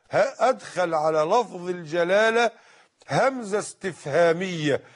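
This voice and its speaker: Egyptian guy giving a religion lesson, highish voice, keeps correcting and scolding the crowd. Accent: Egyptian Arabic. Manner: corrects pronunciation by demonstrating, admonishing. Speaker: religious teacher. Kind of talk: religious lesson explaining hadith.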